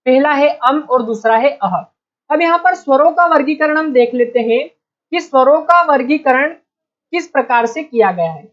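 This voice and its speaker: A woman with a high voice teaches an online exam-prep lesson, repeating key points and posing quiz questions to students that she then answers herself. The recording has its high frequencies cut off.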